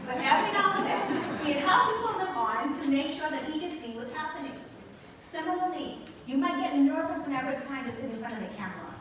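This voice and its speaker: On stage before a live audience in a big venue, a motivational speaker and show host with a Bahamian accent delivers an emphatic speech, stretching key words. Her voice is high and fairly bright, captured in a distant, noisy, very echoey recording.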